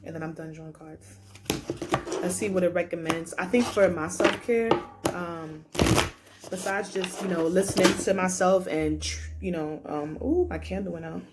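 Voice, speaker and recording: A young woman doing a card reading, reading card texts slowly and then chatting loosely and casually about her day. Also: lowish voice, very noisy. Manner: reads card texts slowly, then chats loosely with lots of "like" and "you know". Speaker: tarot card reader.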